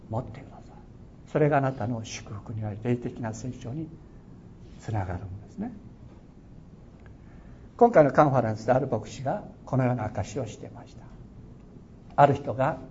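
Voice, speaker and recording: A male pastor delivers an earnest, exhorting sermon, pressing his points with sudden rises in emphasis. His mid-range voice comes through a dull, lo-fi recording with a faint low rumble behind it. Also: a little mellow.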